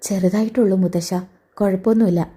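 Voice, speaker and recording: A woman voicing a young woman recovering from surgery, speaking softly and weakly. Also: mid-range voice, fairly even intonation, brisk, breathy edge, lightly acted. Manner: soft, weak. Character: weak young woman recovering in bed, gentle and caring.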